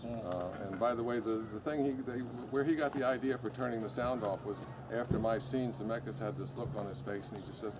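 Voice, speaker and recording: A man's voice: mid-range voice, brisk, background noise. A man who is an actor, telling joking, self-deprecating stories as a guest on a convention panel.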